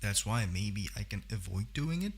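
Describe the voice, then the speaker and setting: A man's voice: on the low side, animated, normal speed. A man chatting casually on a livestream about beatbox technique, often breaking off mid-sentence to demonstrate sounds. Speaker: beatbox streamer.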